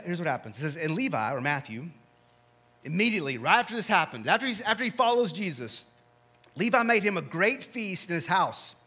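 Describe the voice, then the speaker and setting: A male pastor preaching an earnest sermon in church, dropping soft and low to stress key lines. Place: church sanctuary.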